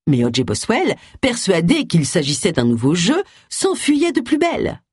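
An audiobook reader giving expressive scripted narration close to the mic. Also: medium pitch, normal speed, husky, no echo. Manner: expressive storytelling.

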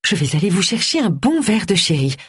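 A woman voicing a gentle vicar's wife. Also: on the low side, big pitch swings, a little fast, breathy edge, no room sound, studio quality, voice pushed up, heavily acted. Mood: friendly.

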